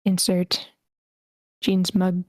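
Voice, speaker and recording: Woman, reading screenplay action lines, online table read, steady, trips on names, flat even delivery, dry close sound. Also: fairly low pitch, drawn-out words, no echo. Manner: steady reading, stumbles over character names. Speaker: reader of scene directions at a script table read. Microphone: computer mic in an online meeting.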